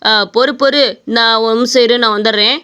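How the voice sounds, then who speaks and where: A woman's voice: fairly high pitch, fairly even intonation, a little fast, sharp tone, clear, resonant tone. Woman voicing a stingy scolding husband. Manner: scolding, penny-pinching. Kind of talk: animated storybook voice acting.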